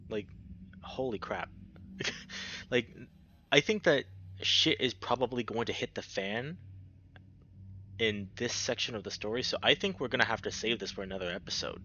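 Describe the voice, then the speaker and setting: Narrating and hosting a visual novel video, a young man reads the text aloud and comments casually over loud game music. His pitch is fairly low. The recording sounds muffled, with slight background noise.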